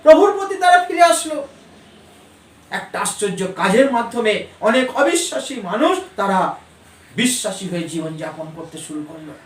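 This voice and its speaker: A man with a high, ringing voice preaches with fervor, repeating his key lines with rising emphasis. His voice rings through an echoey church and reaches a mic set some distance away, with faint noise underneath. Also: very animated, moderate pace. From Bengal. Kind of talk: sermon.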